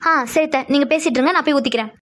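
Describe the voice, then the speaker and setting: A woman's voice: high voice, rapid-fire, a bit bright. A woman voicing a polite, worried young woman in a cartoon who insists on helping. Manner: polite, eager to help.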